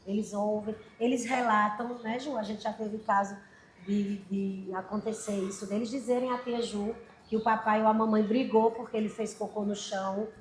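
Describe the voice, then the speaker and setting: A woman's voice: medium pitch, steady tone, normal speed. A woman educator chiming in with casual, conversational remarks. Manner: adds short remarks, conversational. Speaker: educator co-presenting. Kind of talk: casual chat. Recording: echoey room, faint noise.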